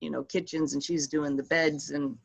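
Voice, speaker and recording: A woman in her thirties talks loosely over a video call, padding her thoughts with fillers. Her voice is gravelly with fry, and her pitch stays flat and even. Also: moderate pace. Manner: rambling, many fillers. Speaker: meeting participant. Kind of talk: casual video call chat.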